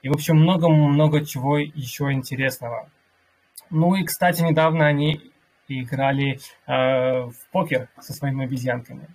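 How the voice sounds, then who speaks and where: A man with a slightly husky voice hosting an online workshop, addressing listeners in a courteous customer-service manner. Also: mid-range voice, fairly even intonation, moderate pace, darkish tone, poor audio. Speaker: host of an online crypto community workshop. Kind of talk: polite announcing to online listeners.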